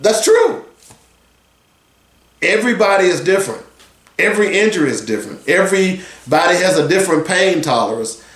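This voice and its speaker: A man's voice: high voice, animated, quick pace, a bit bright, echoey room. A man in his sixties talking earnestly as a sports radio host, rambling and conversational. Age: 60s. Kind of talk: solo talk radio commentary.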